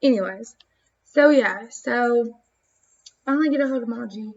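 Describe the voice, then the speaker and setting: High-pitched woman, casual swearing vlogger, muffled home-camera sound. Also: moderate pace, a little mellow. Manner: profane, rambling, self-conscious on camera. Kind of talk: casual storytelling vlog.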